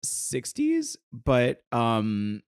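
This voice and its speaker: A man co-hosts a casual podcast chat, his pitch swinging widely as he jokes. The sound is dry and close, and he fills his talk with "like" and "um". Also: drawn-out words, clean tone, dry recording. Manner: animated, filler-heavy, jokey. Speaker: podcast co-host.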